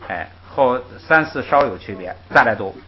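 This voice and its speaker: In this muffled, lo-fi clip, a male language teacher with a mid-range voice talks at a normal pace. Lively and patient, he explains rules, frequently says "ai," and models syllables for the class to echo back. It's a lecture structured around call-and-repeat drills.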